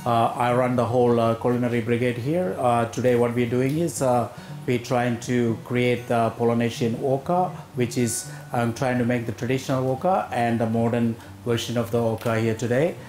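A man's voice: medium pitch, steady tone, moderate pace, a little mellow, a little hiss or hum. A man in his forties with a South Indian accent, talking informally as a chef in an interview. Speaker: executive chef, interview guest. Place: open-air hotel pavilion demonstration table. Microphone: lapel mic. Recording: roomy echo, music underneath.

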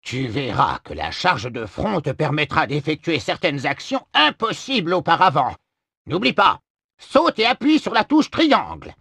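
An actor playing a big, sly, money-grubbing bear merchant with unhurried, smugly genial sales patter in a video game. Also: male voice, on the high side, huge pitch swings, vocal fry, music in the background, exaggerated voice. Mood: smug, instructive. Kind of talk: cartoonish video game acting.

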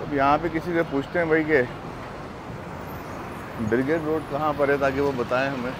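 Middle-aged male vlogger, unhurried and chatty, lapel mic on a noisy city street with traffic clearly heard. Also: a little high, fairly even intonation. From Pakistan. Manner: unhurried, chatty, many fillers. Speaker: travel vlogger. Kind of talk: casual walking vlog narration. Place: busy city street outdoors. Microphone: clip-on lapel mic. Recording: outdoor street noise.

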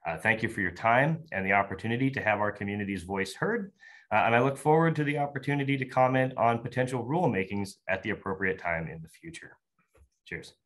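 A man with a somewhat low voice reads a formal public comment over a video call. His delivery is steady and official. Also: fast. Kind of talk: reading a prepared statement.

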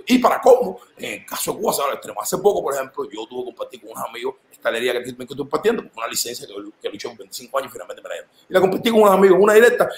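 A man with a Cuban accent talking in a casual conversation, animated and emphatic, his voice swinging up and down as he makes his points. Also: on the high side, vocal fry, reverberant.

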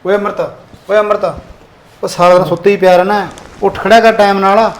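A man's voice: sits high, flat delivery, fast, natural voice. A man playing a farmer father who nags his lazy son to get up and work in a family drama. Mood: scolding. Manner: scolding, chiding. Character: farmer father, nagging, easygoing.

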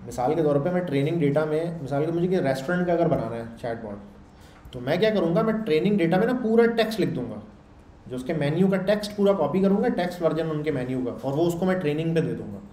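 A man's voice: on the high side, animated, fast talker, mellow. A male programming instructor giving a casual, conversational lecture and mixing English technical phrases into his talk. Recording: echoey room with faint background noise.

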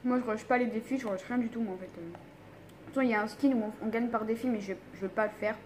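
A woman's voice: a little high, quick pace, a little mellow, a little hiss or hum. A young woman from France chatting casually to camera with her mouth full of food, slangy and rambling with fillers. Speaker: gaming and food vlogger.

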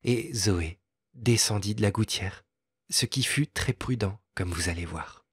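A man narrating a classic fairy tale as an audiobook, with a measured, expressive reading. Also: lowish voice, slightly rough, no echo. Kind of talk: storybook narration.

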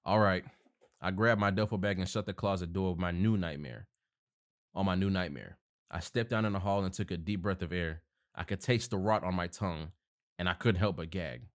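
A man's voice: sits low, a little fast. A man narrating a horror story, reading casually with self-corrections and joking asides.

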